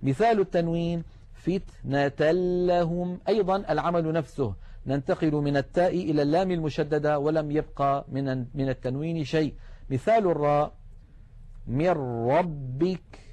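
A man teaching a recitation lesson, explaining calmly and chanting each example slowly with long drawn-out nasal sounds. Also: a little high. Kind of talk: recorded tajweed lesson.

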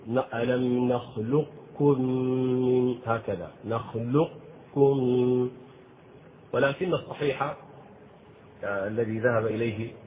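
A man teaching the rules of Quran recitation, explaining slowly and deliberately and chanting short verses as examples. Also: mid-range voice. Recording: tinny phone-like audio with faint noise.

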